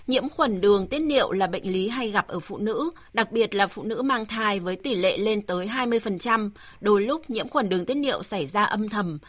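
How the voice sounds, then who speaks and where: Woman reading a health segment intro, medium pitch, really dry sound. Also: a bit bright, dry recording. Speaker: radio health segment presenter. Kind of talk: scripted informational narration.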